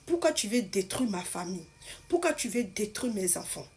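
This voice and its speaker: A woman's voice: mid-range voice, big pitch swings, moderate pace, darkish tone, natural voice. A woman voicing a distraught adoptive mother who pleads with and reproaches a teenage girl she raised. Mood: pleading.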